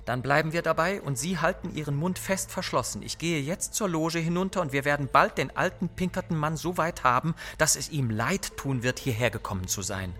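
A man's voice: a little high, a little fast, hardly any pauses, a bit bright, voice pushed up, natural voice. A male audiobook narrator voicing a grim, scheming member of a secret society, talking in an urgent, conspiratorial way. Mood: grimly resolved.

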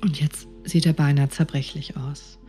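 A woman's voice: low voice, moderate pace, husky, soft background music. A woman doctor vividly telling a personal story, acting out the dialogue. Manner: vivid, animated retelling with acted dialogue.

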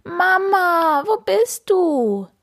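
A woman voicing a small, anxious young tomcat kitten in a children's storybook, with a high, plaintive voice that often calls out. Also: sing-song, slow pace, exaggerated voice. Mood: calling desperately.

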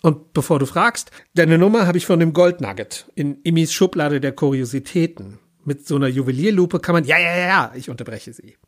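A man's voice: fairly high pitch, brisk, hardly any pauses. A man narrating a first-person story in a wry, speculative way.

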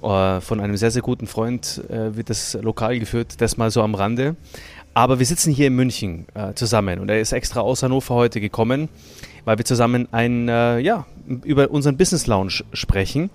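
A man's voice: medium pitch, a little fast. A man hosting an interview in a restaurant, speaking enthusiastically with many fillers. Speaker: podcast host, interviewer. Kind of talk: casual interview. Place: restaurant in Munich.

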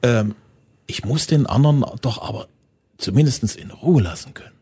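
A man interviewing a guest, asking thoughtful, measured questions. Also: medium pitch, expressive, warm tone, slightly rough. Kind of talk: conversational interview.

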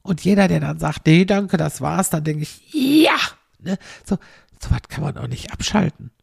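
Gravelly-voiced chatty woman. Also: low-pitched, moderate pace, darkish tone, dry recording, clean studio sound. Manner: chatty, tags almost every sentence with a questioning "ne". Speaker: comic storyteller. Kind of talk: rambling comic monologue.

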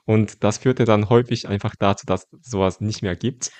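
A man hosting a casual interview, talking calmly and attentively, often ending sentences with a questioning tag. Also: fairly low pitch, normal speed, dry recording. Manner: calm, attentive, frequent "ne?" tags and "mhm". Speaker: podcast host.

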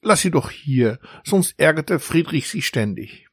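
A man's voice: on the high side, a little slow, husky, dry recording, studio quality, voice pushed up, exaggerated voice. A man voicing a cheeky, playful young girl in a children's audiobook, speaking in a teasing way. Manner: teasing, lively.

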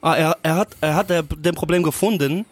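A man's voice: a little high, a little fast, no echo, close to an everyday voice. A man doing a bumbling fake-French host. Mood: mock serious. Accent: mock French. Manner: hesitant, many ums and repeats. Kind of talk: comedy sketch.

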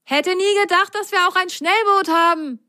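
A woman's voice: very high voice, moderate pace, sharp tone, no room sound, studio quality, voice pushed up. A woman voicing an adventurous, sporty male sock in a children's story, speaking in a direct, casual and upbeat way.

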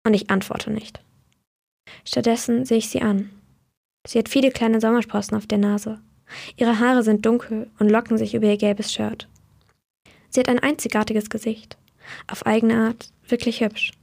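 A young woman reading her own story aloud in a calm, measured way, then talking about her writing. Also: on the high side, gravelly. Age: young adult.

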